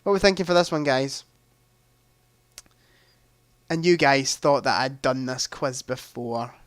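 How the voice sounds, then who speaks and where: A man's voice: medium pitch, a little slow, fairly bright tone, no echo. A man hosting a live movie quiz stream, chatting casually, thinking aloud and making self-deprecating asides.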